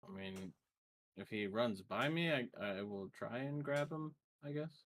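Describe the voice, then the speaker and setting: A man's voice: medium pitch, expressive, measured pace, fairly bright tone, slight background noise. A man playing in an online tabletop game, thinking aloud hesitantly with many ums as he decides what his character does. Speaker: player.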